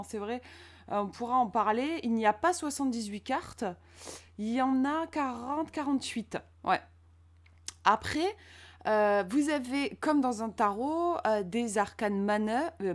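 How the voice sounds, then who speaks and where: A young woman giving a casual review of a tarot deck, hesitant and full of fillers and restarts. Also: medium pitch.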